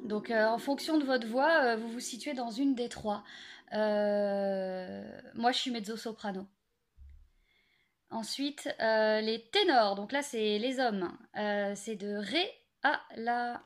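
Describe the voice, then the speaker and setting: A young woman explaining singing basics in a casual, hesitant way, full of pauses and fillers. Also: a little high. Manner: hesitant, many fillers and restarts. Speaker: singing teacher. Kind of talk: casual spoken singing tips.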